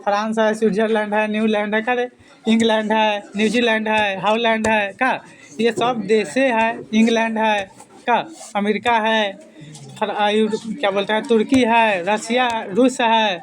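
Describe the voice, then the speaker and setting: Drilling teacher. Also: male voice, high-pitched, flat delivery, normal speed. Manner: quizzes listeners with repeated questions and answers; repetitive, drilling delivery. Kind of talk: exam-prep grammar lesson.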